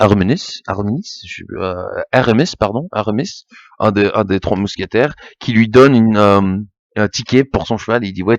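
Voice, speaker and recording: A man's voice: fairly low pitch, no echo, muffled recording. A young man hosting a podcast, ranting casually about a film, stammering, repeating himself and swearing often. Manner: rambling, stammering, swears a lot. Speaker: podcast host.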